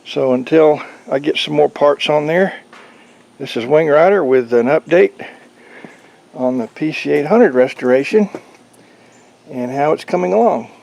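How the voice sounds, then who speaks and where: A man's voice: a little high, measured pace, vocal fry, long pauses, a little mellow, dull audio. A man giving a casual, rambling video update on his motorcycle project, talking in a folksy, plain-spoken way outdoors. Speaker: motorcycle vlogger. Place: outdoors on a farm.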